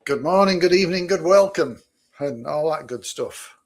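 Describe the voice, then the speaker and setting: A man's voice: a little high, lively intonation, moderate pace. A man co-hosting a casual podcast chat, asking easygoing rhetorical questions. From Manchester, England. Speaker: co-host, business owner.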